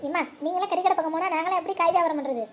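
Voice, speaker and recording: A woman's voice: extremely high pitch, very fast. A woman voicing a persuasive male street vegetable vendor, with sing-song hawking, for a cartoon. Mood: coaxing. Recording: faint background noise.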